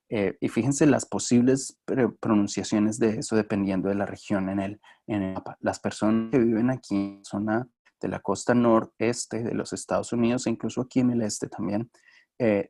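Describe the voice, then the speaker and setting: A man's voice: on the low side, vocal fry, dark tone. A man giving a phonetics lesson, hesitant, with many fillers and restarts, often checking in with his students. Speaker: phonetics teacher. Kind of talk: recorded lecture.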